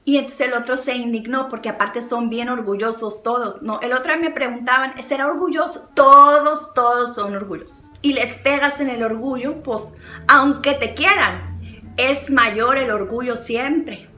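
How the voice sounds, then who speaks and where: A young Mexican woman vlogging, chatty and animated, telling breakup stories with many laughs and acted-out quotes and giving advice. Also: fairly high pitch, normal speed. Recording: echoey room with faint music.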